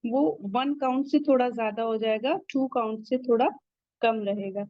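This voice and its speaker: A woman's voice: on the high side, steady tone, no echo, dull audio. A woman teaching a Tajweed lesson. She speaks patiently, repeats each point, and models sounds syllable by syllable. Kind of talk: online Quran recitation lesson.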